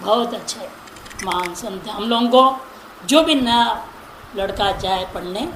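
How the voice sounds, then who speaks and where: High-voiced male Sanskrit teacher, echoey room. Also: fairly bright tone. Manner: recites word forms in slow drawn-out chants; corrects pronunciation with repeated examples. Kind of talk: classroom grammar lesson. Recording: echoey room with faint noise.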